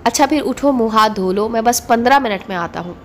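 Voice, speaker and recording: A woman's voice: fairly high pitch, lively intonation, fairly quick, slight background noise, lightly acted. A woman voicing a playful, affectionate young husband in a read-aloud story. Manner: fond, playful.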